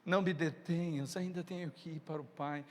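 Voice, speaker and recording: A man voicing a calm, gentle risen teacher who speaks softly to a woman, within a sermon. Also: fairly high pitch, a little fast, pitched below the performer's own voice, natural voice. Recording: long reverb in a church hall.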